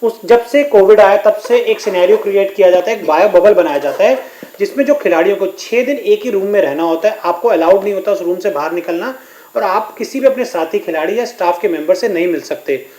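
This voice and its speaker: A man's voice: sits high, a little fast, darkish tone. Male sports reporter in an echoey room. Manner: detailed, explanatory reporting. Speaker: sports correspondent. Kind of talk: news discussion reporting.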